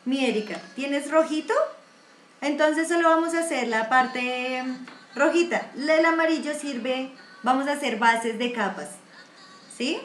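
An unhurried woman with a high-pitched, fairly bright voice and a Colombian accent teaches a live watercolor class online, encouraging and chatty, sprinkling in diminutives. Recorded by a computer mic on a video stream, the audio is reverberant with slight background noise.

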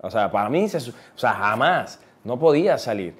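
A man's voice: mid-range voice, big pitch swings, moderate pace. A man with a Puerto Rican accent, an actor and interview guest, explaining things at length in a thoughtful manner. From Puerto Rico. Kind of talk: casual interview.

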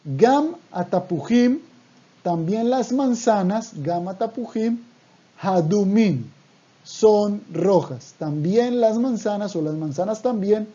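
Man, online language teacher, slow and patient, dark muffled tone. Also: high voice. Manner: patient, repeats words slowly for drill. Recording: dull lo-fi audio.

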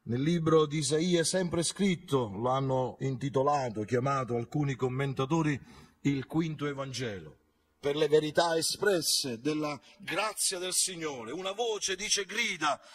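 A man preaching a fervent sermon as pastor at a church service, rising and falling sharply in loudness and pitch and putting rhetorical questions to the congregation. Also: a little slow, husky. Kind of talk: Pentecostal sermon.

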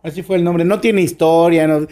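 A man's voice: a little high, fairly even intonation, normal speed, dark tone. A man with a Mexican accent, a guest storyteller chatting on a podcast, shifting his tone and stressing words as he talks. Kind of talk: casual podcast conversation.

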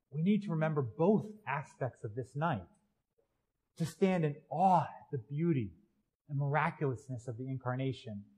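Conversational male priest with a higher voice. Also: darkish tone, rough recording. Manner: conversational, often adds "right?". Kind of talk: sermon. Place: church.

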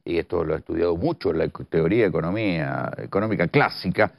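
A man speaking in a measured, explanatory way as an economic commentator. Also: deep voice, lively intonation, vocal fry, no echo. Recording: dry, dull-toned recording.

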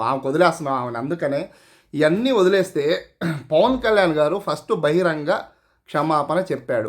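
A man giving casual, sarcastic political commentary, full of mocking rhetorical questions and repeated phrases. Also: a little high. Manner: addresses listeners directly, repeats phrases.

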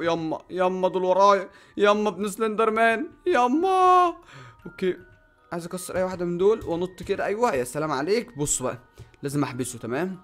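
An Egyptian man commentating a Minecraft game in a high, lively voice that leaps all over his range. He rattles along quickly and shouts when something startles him. Faint music plays behind him. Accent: Egyptian Arabic. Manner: excitable, shouting and yelping at sudden dangers. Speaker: gaming YouTuber.

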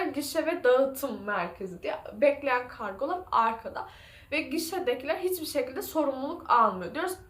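Chatty high-voiced young woman vlogging. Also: roomy sound. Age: young adult. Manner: chatty, animated retelling with frequent laughs. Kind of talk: casual vlog storytelling.

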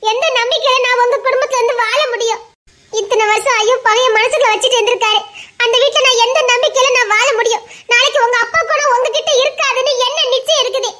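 A woman's voice: very high-pitched, fairly even intonation, quick pace, sharp tone. A woman with a Tirunelveli Tamil accent playing a young female college student who laments her lost future through tears. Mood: accusing. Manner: tearful, lamenting. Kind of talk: audio drama acting.

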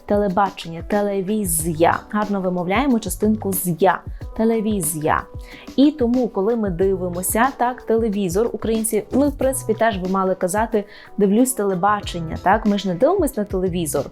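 A woman words in a lesson. She explains patiently, keeps checking with a quick question, and says the example words slowly and clearly. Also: mid-range voice, a little mellow, soft background music. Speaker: Polish language teacher. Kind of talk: online language lesson.

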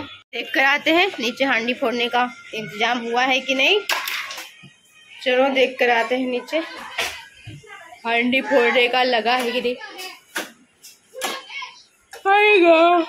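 High-voiced chatty woman vlogger. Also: fairly even intonation, a little slow, music in the background, rough recording. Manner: chatty, narrating while walking around. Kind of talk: casual vlog chat. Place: outdoors in a housing society. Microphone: wireless mic or phone.

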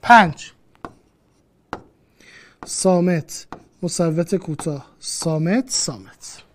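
With an expressive mid-range voice and slight background noise, a teacher patiently explains a lesson step by step, repeating and addressing the student directly.

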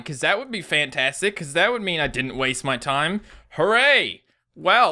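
A man's voice: on the high side, sharp tone. A young man giving casual gameplay commentary to viewers in a sarcastic, exasperated way, swearing freely. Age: young adult. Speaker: gaming video creator. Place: indoor room, seated at a desk.

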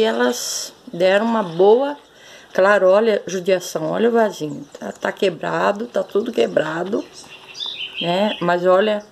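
A woman with a mid-range voice and a gravelly, creaky edge talks chattily to her audience in a casual vlog. She keeps calling out to viewers with fond exclamations. A faint noise sits under the recording. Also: mid-range voice, a little mellow. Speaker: orchid-growing vlogger. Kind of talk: casual show-and-tell vlog.

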